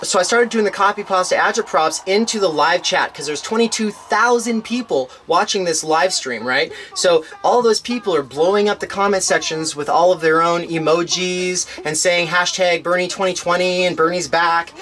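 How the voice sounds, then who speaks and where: A man telling a long personal story in casual conversation, rambling with restarts and fillers, animated as he retells events. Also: high voice, normal speed, few pauses. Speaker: interviewee.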